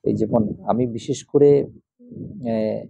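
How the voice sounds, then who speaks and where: Monk teaching chant pronunciation, man, deep mellow tone, dry close sound, slow repetitive delivery. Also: steady tone, vocal fry, husky, no room sound. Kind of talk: instructional talk with recited Pali chants. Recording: dull lo-fi sound.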